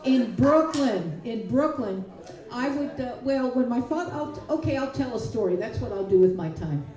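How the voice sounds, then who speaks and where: A woman with a Southern accent tells a rambling, self-deprecating story in a chatty way. Her voice is mellow and dark rather than bright. The recording is very echoey and picked up from some distance, as on an open public square. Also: fairly high pitch, a little fast. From Kentucky. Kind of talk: comic personal storytelling.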